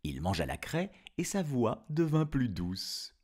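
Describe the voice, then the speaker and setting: A man reads a storybook fairy tale in an unhurried, mid-range voice that is darkish, slightly rough and full of huge pitch swings. He keeps it playful, interrupting himself with comic asides and chuckling at his own puns.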